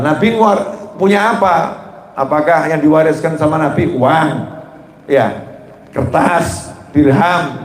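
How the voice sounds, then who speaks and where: A man preaching a sermon in a lively storytelling way. He often breaks off mid-word and repeats it. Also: high voice. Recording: echoey room.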